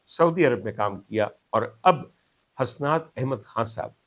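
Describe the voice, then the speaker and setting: The recording quality is low, capturing a husky, mid-range voice from a middle-aged or older man with a Pakistani accent. As host and doctor, he narrates stories to viewers with dramatic, courtly rhetoric, mixing in English and Punjabi.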